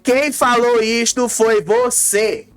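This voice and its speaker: A woman's voice: fairly high pitch, steady tone, takes it slowly, faint music behind, pitched above the performer's own voice. A woman reading out an indignant reality-show woman. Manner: read-out quotes, insulting.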